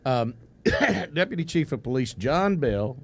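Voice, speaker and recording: A man's voice: medium pitch, animated, measured pace. A man hosting a live morning radio show in a studio, chuckling through loose, ad-libbed introductions of a guest. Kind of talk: casual live radio banter. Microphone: studio microphone with headphones.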